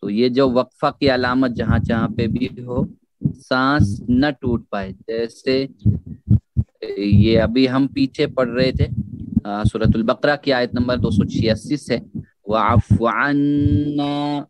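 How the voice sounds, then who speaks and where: A man teaching a Quran recitation lesson, repeating key phrases slowly and chanting Arabic verses as examples. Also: medium pitch, fairly even intonation, darkish tone, slight background noise. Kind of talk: Urdu tajweed lesson.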